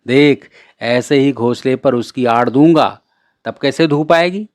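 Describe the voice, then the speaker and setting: A man's voice: mid-range voice, a little slow, no room sound, natural voice. A man voicing a bossy older brother who scolds his little sister in a brusque, impatient way.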